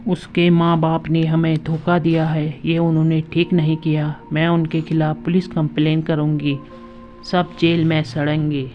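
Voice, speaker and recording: A sharp-tongued middle-aged mother-in-law scolds and mocks in a low, slow, flat voice, as a woman acts her out. The cartoon audio is dull and lo-fi, with soft music underneath. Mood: scolding. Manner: scolding, mocking.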